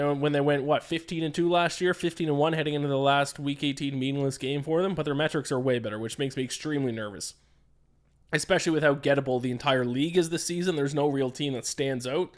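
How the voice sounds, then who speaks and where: A worn-out young man talks through his sports betting picks in a loose solo podcast. His voice sits at an ordinary middle pitch. He drifts and gets sidetracked, and his talk is full of "uh" and "um.". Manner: rambling, distracted, frequent "uh" and "um". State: tired, yawning. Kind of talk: casual solo podcast commentary.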